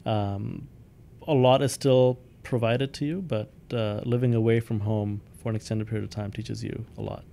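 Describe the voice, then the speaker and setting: A man's voice: on the low side, fairly even intonation, moderate pace, vocal fry, mellow. A man from India, a company founder and CEO, answering interview questions in a thoughtful way, with many ums and restarts.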